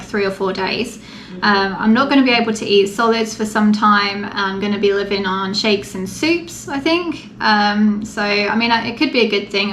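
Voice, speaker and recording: A woman's voice: mid-range voice, fairly bright tone. A woman talking informally and matter-of-factly, explaining things step by step in a casual vlog. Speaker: vlogger. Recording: echoey room with faint background noise.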